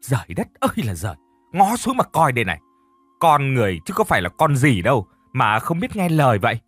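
A man's voice: lowish voice, big pitch swings, fairly quick, fairly bright tone, no echo, faint music behind. A man voicing a harsh, bossy older aunt who scolds and mocks her niece in a told story. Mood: scolding.

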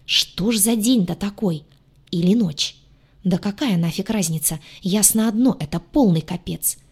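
A woman narrating a first-person audiobook in a lively, wry, expressive way. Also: mid-range voice, slightly rough.

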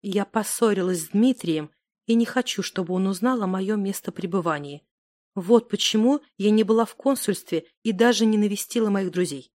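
A woman's voice: mid-range voice, moderate pace, darkish tone, no echo, studio quality, natural voice. A woman reading the lines of an elegant, mysterious noblewoman who speaks shyly and confidingly in a story. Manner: shy, confiding.

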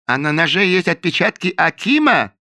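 A man voicing an impassive, sly male cook who answers calmly and deliberately, with mild mockery. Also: high voice, no echo, clean studio sound, voice pushed up, exaggerated voice. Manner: calm, deliberate, mildly mocking.

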